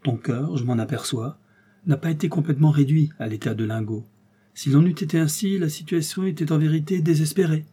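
A man voicing a mysterious supernatural stranger who questions gently and evenly, with a husky, dark voice. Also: fairly high pitch, a little fast. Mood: probing. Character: mysterious smiling stranger, supernatural, calm and knowing.

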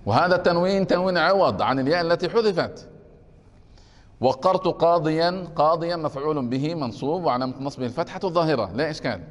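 A man's voice: on the high side, expressive, fast talker, big-room sound, lo-fi sound. A man teaching a class on grammar. He takes questions and keeps checking whether his students have understood. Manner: keeps asking the class if it is clear.

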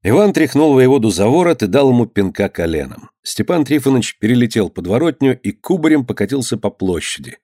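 A man narrating a historical story in an expressive storytelling manner. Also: medium pitch, brisk, few pauses, dry recording, clean studio sound. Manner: expressive storytelling, lively delivery. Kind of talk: audiobook reading of historical prose.

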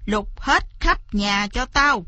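A woman's voice: medium pitch, lively intonation, slow pace, bright, forceful tone, no room sound. A woman storyteller voicing a cruel male landlord who gives orders and hisses threats. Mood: threatening. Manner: hissing, ordering.

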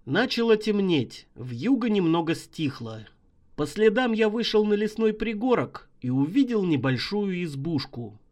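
Man with a lively narrating voice. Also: sits high, a little slow. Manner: expressive, vivid storytelling. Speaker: audiobook narrator. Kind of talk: dramatic horror story reading.

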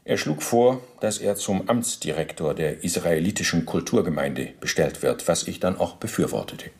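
A self-justifying former SS officer, a bureaucrat under interrogation in a radio drama, gives testimony in a low voice with lively intonation at normal speed. His stiff, official wording is precise and pedantic, and he remains formally deferential toward his questioner.

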